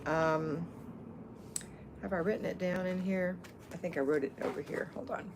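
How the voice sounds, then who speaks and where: A woman's voice: fairly low pitch, steady tone, normal speed, background noise. A woman hosting a live viewer Q&A, chatting casually and rambling with frequent ums and restarts. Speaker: livestream host answering viewer questions.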